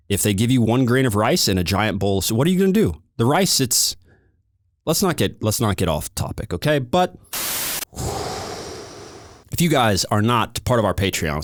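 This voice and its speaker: Animated American man ranting. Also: fairly low pitch, dry recording, clean studio sound. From United States. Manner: heated, animated, emphatic. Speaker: podcast host. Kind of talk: ranting podcast monologue.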